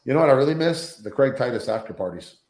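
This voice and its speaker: A man in his thirties spins loose, profane stories as an interview guest, and he often slips into other people's voices. His pitch sits right in the middle. The room adds a noticeable echo around him. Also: quick pace. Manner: profane, animated anecdotes with acted quotes. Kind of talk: casual storytelling interview.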